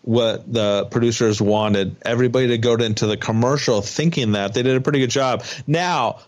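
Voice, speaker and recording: A man's voice: mid-range voice, normal speed. A man co-hosting a podcast, animatedly recapping a TV episode in casual chat, with frequent ums and restarts. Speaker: podcast co-host.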